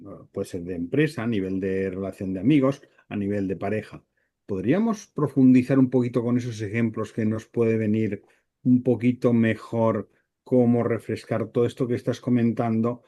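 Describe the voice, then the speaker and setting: A man's voice: lowish voice, mellow. A man hosting an interview, asking long hesitant questions with repeated words. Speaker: host.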